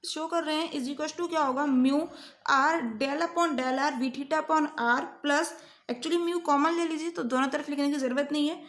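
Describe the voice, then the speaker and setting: A woman gives a maths lecture in a high voice. She works through the equations step by step and keeps asking her students questions. The room around her is echoey. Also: fairly even intonation, a little slow, a bit bright. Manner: explains step by step, often asks students questions. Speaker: maths teacher.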